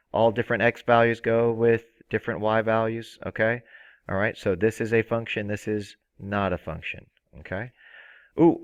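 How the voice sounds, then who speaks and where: A man teaching a math lesson, energetic and playful, with excited outbursts. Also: fairly low pitch, clean tone, highs cut off. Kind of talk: screen-recorded math lesson.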